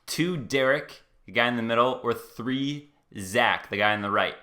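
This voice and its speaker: A man hosting a casual reaction commentary, chatting loosely to his live viewers in quick bursts. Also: medium pitch, bright, forceful tone. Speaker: host reacting to a debate video.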